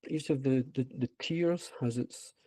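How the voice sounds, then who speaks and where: A man's voice: medium pitch, a little slow, mellow, dry recording. A man with a broad Scottish accent giving an informal online presentation, hesitant and self-deprecating but enthusiastic. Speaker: presenter, app creator. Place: remote online video call with screen share.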